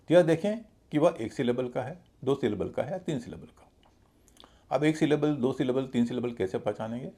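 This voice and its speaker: Husky-voiced man teaching pronunciation. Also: medium pitch, mellow. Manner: spells out words letter by letter and stresses syllables; patient, explanatory. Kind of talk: lecture-style lesson.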